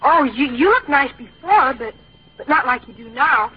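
A woman's voice: sits high, lively intonation, normal speed, husky. A woman playing an earnest, naive schoolboy with a hesitant, stammering manner in an old-time radio comedy. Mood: bashful. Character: earnest, awkward, naive young teenage schoolboy. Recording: dull lo-fi old radio recording.

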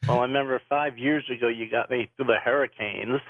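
A man's voice: mid-range voice, steady tone, fairly quick, dry recording. Easygoing male radio caller on a phone line. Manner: easygoing, hesitant, chuckling. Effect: phone line into a radio show. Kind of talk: casual call-in chat.

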